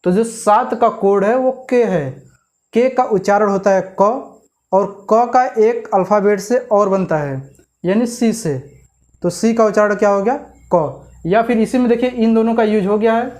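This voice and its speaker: A man's voice: high-pitched, normal speed, a little mellow. Hindi teacher man asking rhetorical questions. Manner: repeats "clear?" and asks rhetorical questions. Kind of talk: explaining a memory trick lesson.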